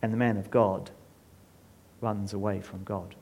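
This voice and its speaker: A man narrating a scripted story in a measured, solemn way, returning to a repeated refrain. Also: fairly low pitch, little pitch movement, darkish tone.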